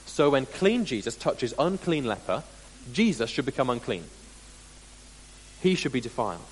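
Dramatic preacher man, echoing hall. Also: mid-range voice. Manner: dramatic, deliberate, with pauses and sudden quiet drops. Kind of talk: sermon storytelling. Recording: long hall reverb, faint hum.

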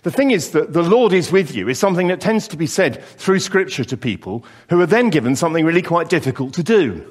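A man preaching a sermon, earnest and expressive, leaning on emphatic repetitions and pauses. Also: fairly high pitch.

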